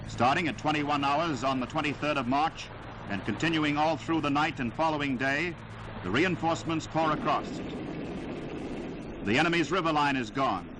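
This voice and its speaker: Old newsreel man, dramatic and high-pitched. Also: background noise. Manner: dramatic, declamatory delivery. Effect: old newsreel soundtrack. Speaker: newsreel narrator. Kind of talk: 1940s wartime newsreel narration. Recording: loud music score underneath.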